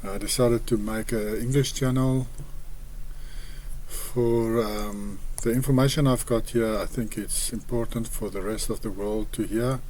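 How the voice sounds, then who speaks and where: This online Bible commentator is a native Afrikaans-speaking man with an Afrikaans accent who reads scripture aloud and explains it hesitantly, halting with frequent pauses. His voice is lowish, steady and darkish, with a little hiss or hum in the recording.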